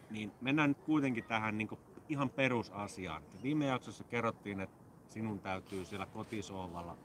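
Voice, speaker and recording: Man hosting in a low, mock-serious voice. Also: noisy background. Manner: jokey mock-serious instructions. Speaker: podcast co-host. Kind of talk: casual chat.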